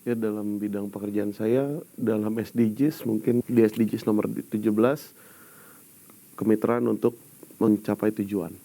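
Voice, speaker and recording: Dark-voiced young man, flat delivery. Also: on the low side, normal speed, creaky, rough recording. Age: 20s. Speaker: NGO worker. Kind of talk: interview answers.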